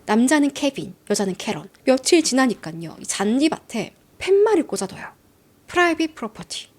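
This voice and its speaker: A woman tells a true-crime story in a chatty, lively way, speaking straight to her listeners. Her voice sits high and swings up and down with animated emphasis. She keeps an easy, conversational storytelling flow. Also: a little fast.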